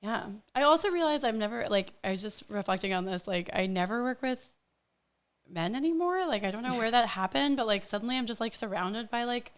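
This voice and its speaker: A woman's voice: fairly high pitch, fast talker, few pauses, smooth. Woman guest on a podcast, rambly, tons of "like", laughs a lot, casual chat. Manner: rambling, filler-heavy, laughs often.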